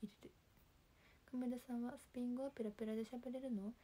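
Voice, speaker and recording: A young woman with a Kansai accent, chatting casually on a livestream and reading viewer comments in a soft, calm voice that often drops near a whisper. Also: fairly high pitch, fast, a little hiss or hum. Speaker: livestream host. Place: home.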